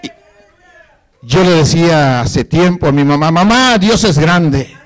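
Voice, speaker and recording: A man's voice: a little high, expressive, measured pace. A man preaching a passionate sermon, acting out biblical prayers and calling out to his listeners as brothers. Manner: impassioned preaching, repeatedly addressing listeners as brother; acts out biblical speech with fervor. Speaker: pastor.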